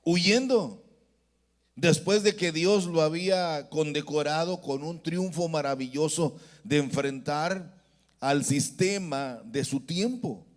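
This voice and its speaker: A male pastor preaching a sermon in a church, slow and deliberate, asking the congregation to repeat after him. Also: on the high side.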